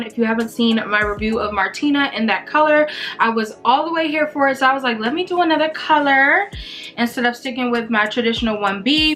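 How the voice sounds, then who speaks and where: A young woman chats upbeat to her camera at home, tossing in little asides. Her voice is bright and forceful and sits a bit high, and faint music plays under her. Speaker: beauty vlogger reviewing wigs. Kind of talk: casual vlog talk to camera.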